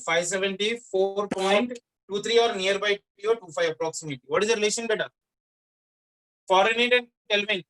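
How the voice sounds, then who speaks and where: A male teacher with a South Indian accent speaks in a bright, forceful voice. He works through a physics lesson interactively, restating key phrases and putting questions to his students. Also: sits high, poor audio. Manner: repetitive, often checks in with questions.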